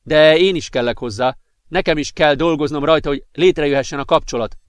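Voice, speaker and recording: A frantic young man with a raised, strained voice, pressing his point without pause, as a male audiobook reader puts him on. The sound is dry and close, with no room around it. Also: fairly high pitch, clean tone, no echo, close to an everyday voice. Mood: urgent, insistent. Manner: excited, insistent, increasingly furious. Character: agitated straw-haired young man, volatile.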